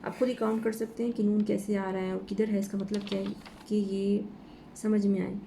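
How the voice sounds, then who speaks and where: A woman giving an informal Quran lesson, walking slowly through the letters of each verse. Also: mid-range voice, little pitch movement, mellow, slight background noise. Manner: slow, explaining letter by letter. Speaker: Quran teacher.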